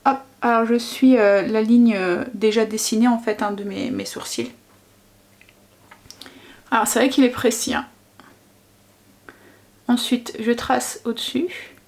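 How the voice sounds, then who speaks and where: A woman's voice: fairly high pitch, fairly even intonation, measured pace, pauses often, darkish tone. A woman vlogger and mother, chatting casually through a makeup tutorial, narrating each step with little interjections and often correcting herself mid-sentence. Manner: self-correcting, trails off and restarts often.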